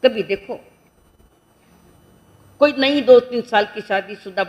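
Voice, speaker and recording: Jain nun delivering a lively sermon; woman, vivid storyteller who voices village folk in dialect. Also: a little high, takes it slowly.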